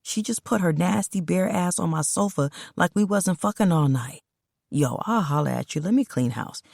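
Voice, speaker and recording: A woman voicing a blunt, irritable young man who talks in fast street slang, in a storybook reading. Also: lowish voice, lively intonation, creaky, a little mellow, no echo, clean studio sound. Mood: irritated.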